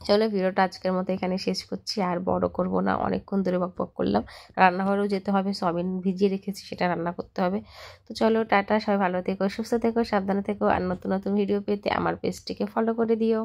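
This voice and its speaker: A young woman talking fast and freely in a home vlog voice-over. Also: medium pitch, little pitch movement, vocal fry, darkish tone. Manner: fast, chatty, talks a lot. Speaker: vlogger. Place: home, voice recorded later as voice-over.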